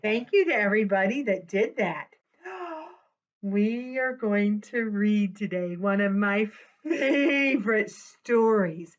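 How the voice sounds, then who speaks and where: Reading aloud at a storytime for young children, a woman speaks to them directly and animatedly. Her voice sits in the mid-range, and the sound quality is lo-fi.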